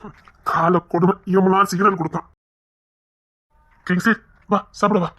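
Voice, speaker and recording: A woman acting out a family serial, moving between brotherly scolding and tender coaxing in a husky voice. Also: lowish voice, fairly even intonation, moderate pace, a bit bright. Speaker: storyteller voicing a whole family.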